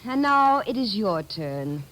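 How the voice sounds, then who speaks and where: A woman's voice: mid-range voice, very animated, slow, a bit bright, low-quality recording. An actress playing a cold-blooded, mocking woman doctor villain in theatrical old-time radio drama style. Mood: cold gloating. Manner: theatrical, coolly menacing, mock-affectionate. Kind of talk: 1940s-50s radio drama acting. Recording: old radio recording with music.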